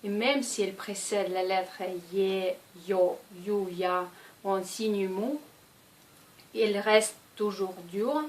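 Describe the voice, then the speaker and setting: A woman teaching a language lesson, speaking slowly and deliberately and repeating each example word. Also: medium pitch, a little mellow, poor audio.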